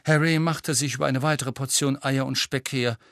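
A man's voice: medium pitch, moderate pace, no echo. Guy reading an audiobook, mid voice, super dry close mic. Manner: steady storytelling, lively for dialogue. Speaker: narrator.

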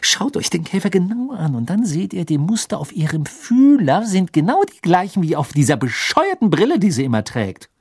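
A man's voice: sits high, sing-song, a little mellow, slightly rough, voice pushed up, exaggerated voice. A man doing an eager know-it-all schoolgirl. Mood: excited, triumphant. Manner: eager, triumphant, quick-talking. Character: clever excited teenage girl witch.

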